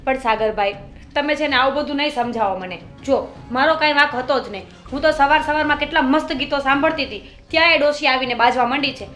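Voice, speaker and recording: A woman playing a high, sharp-tongued young sister-in-law. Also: quick pace, reverberant, soft background music. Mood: complaining. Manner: retorting, indignant.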